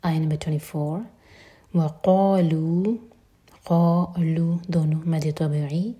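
A woman teaching a Quran recitation lesson. She whispers her explanations, recites verses slowly and drawn out, and breaks words down letter by letter. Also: low-pitched, little pitch movement, warm tone. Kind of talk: tajweed lesson.

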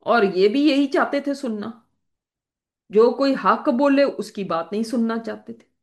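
A woman's voice: fairly high pitch, measured pace. A woman giving a religious lecture as a Quran teacher, explaining points through worked examples and rhetorical questions.

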